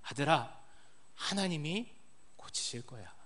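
A preacher voicing a gentle male healer who speaks softly and slowly to comfort a sick man. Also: fairly high pitch, lively intonation. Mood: tender, reassuring. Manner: soft, slow and reassuring, partly whispered. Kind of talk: sermon.

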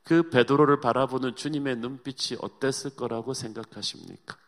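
A male pastor preaching a sermon with dramatic storytelling, swinging between hushed and emphatic delivery. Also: mid-range voice, normal speed.

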